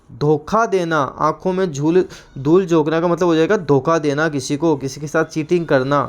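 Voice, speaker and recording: A man's voice: on the high side, clear, resonant tone. A man teaching an exam-prep grammar class, repeating words over and over and giving frequent reminders. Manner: repetitive, drilling words again and again.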